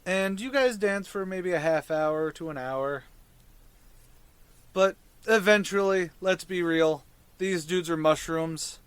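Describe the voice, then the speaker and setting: A man's voice: sits high, slow, clean tone, dry recording. A man casually narrating a tabletop fantasy game as the dungeon master and host.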